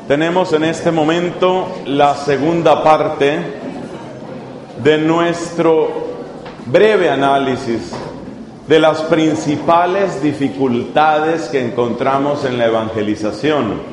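A man preaching a sermon, speaking deliberately and repeating key phrases for emphasis. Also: on the high side, background noise. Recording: echoey hall, long reverb.

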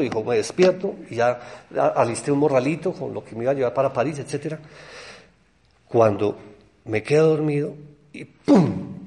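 A young Colombian man telling a personal anecdote in a rambling, excitable way. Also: a little high, a little hiss or hum. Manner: excited, rambling, quick storytelling with laughs.

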